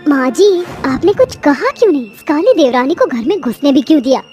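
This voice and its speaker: A woman's voice: high voice, very animated, a little fast, mellow, highs cut off, soft background music. A woman voicing a spoiled, mocking young daughter-in-law in a cartoon story. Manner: teasing, smug.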